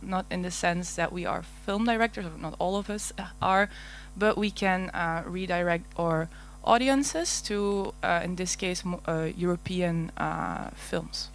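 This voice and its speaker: A woman from Belgium with a medium-pitched, slightly bright voice and a Flemish Dutch accent gives a conference presentation in a large darkened auditorium. She is hesitant, using many fillers and little laughs, and there is slight background noise.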